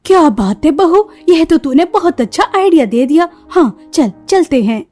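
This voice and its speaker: A woman's voice: high voice, very animated, normal speed, mellow, soft background music. A woman voicing a strict middle-aged mother-in-law in a cartoon story, bossy and scolding. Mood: chummy.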